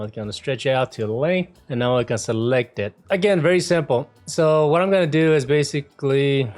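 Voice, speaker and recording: A man presenting a casual software tutorial in an informal way, often checking in with the listener as he explains each step. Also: mid-range voice. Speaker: video editing tutorial presenter.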